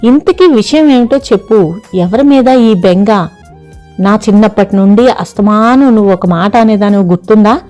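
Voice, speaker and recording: A woman's voice: mid-range voice, normal speed, mellow, faint music behind, lightly acted. A woman voicing a headstrong young daughter who talks in a petulant, teasing way, read in a storybook narration.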